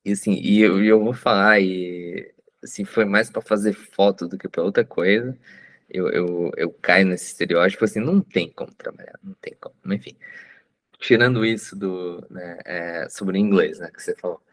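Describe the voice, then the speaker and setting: A Brazilian man with a Brazilian Portuguese accent, a guest author in a casual interview, talking in a relaxed, slangy way full of fillers and restarts. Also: low voice, moderate pace. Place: abroad at home, on a remote call.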